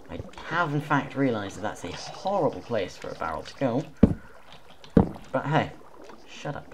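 A man giving let's play commentary as a gaming YouTuber, excitable and self-mocking with sudden loud outbursts. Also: on the low side, background noise.

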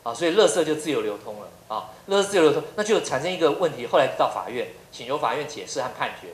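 A middle-aged professor speaks, telling funny anecdotes and asking the room one rhetorical question after another. His fairly high voice swings widely in pitch as he talks. The sound carries the echo of a roomy lecture hall. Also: very animated, fast. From Taiwan. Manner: humorous storyteller, many rhetorical questions. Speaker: university professor giving a public lecture.

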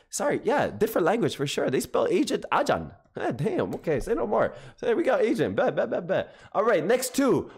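A young man streaming live, chatting casually with his viewers and repeating himself as he reacts. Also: fairly high pitch. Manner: animated, talks to chat, repeats himself.

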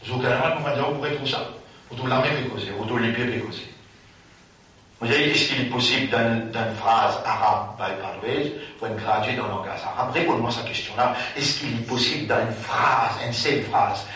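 A man preaching a Ramadan sermon, swinging between loud declarations and quiet asides, recorded from far off in an echoing hall. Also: mid-range voice, a little fast.

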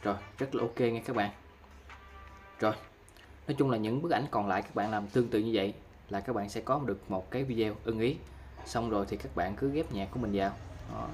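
A man giving a patient step-by-step app tutorial, filling pauses with short fillers. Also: on the low side, slight background noise. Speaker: tutorial vlogger. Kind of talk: casual screen-recorded app tutorial.

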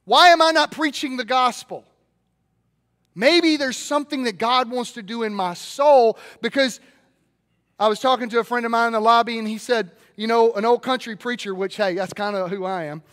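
A man from Mississippi with a Southern accent preaching a sermon to a room and an online audience, switching between loud, lively calls and hushed, quiet lines. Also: very high-pitched, moderate pace. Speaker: pastor. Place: large church hall. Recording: long reverb of a large hall.

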